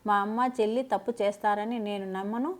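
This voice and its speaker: A woman's voice: medium pitch, steady tone, fairly quick, natural voice. An angry young husband who takes his family's side and blames his wife, as a woman narrator reads his lines. His voice stays close to the storyteller's own. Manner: blaming, angry.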